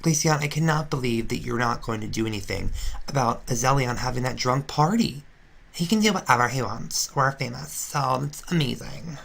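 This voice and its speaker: Woman doing a valley-girl Glaceon impostor, shallow, fame-hungry, slow drawl, gravelly. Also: rumbling low, lively intonation, fairly bright tone, full character voice. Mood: vapid.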